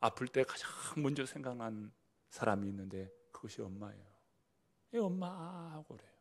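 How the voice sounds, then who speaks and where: A male pastor preaching a sermon in a church service, swinging from loud emphasis to hushed whispers and asking the congregation direct questions. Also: on the low side, fairly quick, gravelly.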